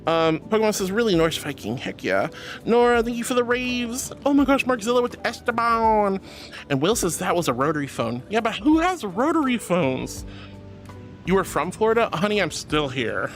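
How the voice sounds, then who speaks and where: A woman's voice: mid-range voice, very animated, normal speed, faint music behind. A woman hosting a casual livestream, reading chat aloud and replying affectionately with pet names, often giggly. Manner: affectionate, uses pet names like honey and sweetie; giggly, laughs often while talking. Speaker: livestream host.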